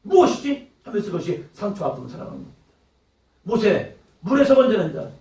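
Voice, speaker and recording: High, lively male preacher in an echoey hall. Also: fast talker. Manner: dramatic, swinging between loud outbursts and hushed lines; acts out taunting quotes in character. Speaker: pastor. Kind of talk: sermon. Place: church hall. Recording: echoey hall, mic at a distance.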